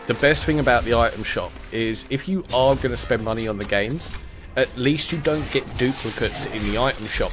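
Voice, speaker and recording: A young man giving casual, chatty commentary as he opens game loot packs, now and then bursting into excited cheers. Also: mid-range voice. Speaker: gaming YouTuber.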